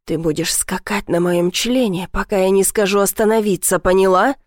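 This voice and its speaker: A woman voicing a possessive, domineering young man who speaks in a low growl. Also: fairly even intonation, moderate pace, no echo, studio quality, natural voice. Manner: low growling, hissing delivery.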